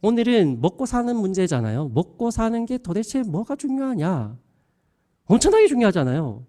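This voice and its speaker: A man's voice: sits high, sing-song, normal speed, dark tone. A male pastor preaching a sermon in a colloquial style, peppering the congregation with rhetorical questions.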